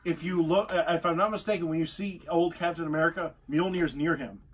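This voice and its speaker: A man co-hosting a casual podcast chat, chatty and quick to argue a point. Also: on the high side, husky, recorded from a distance. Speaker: co-host.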